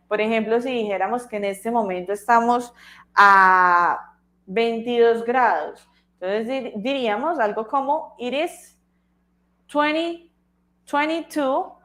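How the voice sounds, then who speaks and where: Slow-speaking woman English tutor. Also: a little high, fairly bright tone. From Colombia. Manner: slow, careful, repeats words for pronunciation. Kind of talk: online class teaching.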